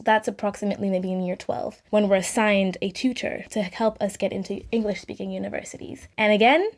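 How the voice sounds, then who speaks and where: A woman's voice: mid-range voice, steady tone, brisk. A young woman vlogger telling her own story in a casual, chatty way, acting out the people she quotes.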